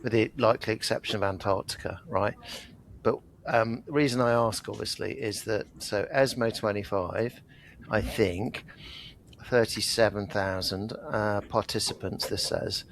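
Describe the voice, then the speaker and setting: A middle-aged man with a low, gravelly voice co-hosts a casual medical podcast. He talks in a measured, frank way with a dry skeptical edge. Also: slight background noise, low-quality recording. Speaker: podcast co-host, melanoma doctor.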